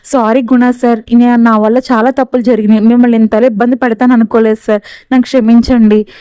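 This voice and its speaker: A woman voicing a sullen young man who plants a bomb, talking gruff and defensive. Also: fairly high pitch, little pitch movement, fast talker, dark tone, dry recording, natural voice. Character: sullen young male schemer.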